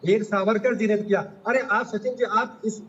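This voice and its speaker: A combative man debating on a TV panel, his voice pitched high and fired out in rhetorical questions. He talks over the others and won't yield. The feed sounds dull and lo-fi. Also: steady tone, moderate pace, fairly bright tone. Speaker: political panelist. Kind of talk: heated TV debate.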